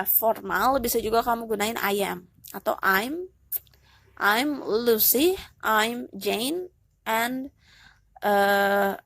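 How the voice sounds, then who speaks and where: A woman teaching English in a relaxed, casual way, explaining step by step and dropping in English phrases. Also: mid-range voice, gravelly, dry recording.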